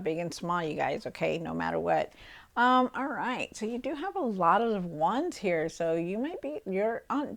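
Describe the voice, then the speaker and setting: A woman tarot reader talking casually to her viewers, with lots of fillers and asides. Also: mid-range voice. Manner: chatty, many fillers and asides.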